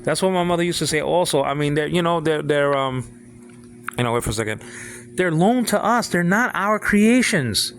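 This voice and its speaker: A man of sixty giving an informal talk on faith, halting and repeating himself, often asking if the listener follows. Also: fairly high pitch, animated, a bit bright, a little hiss or hum. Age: 60s. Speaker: father speaking on faith.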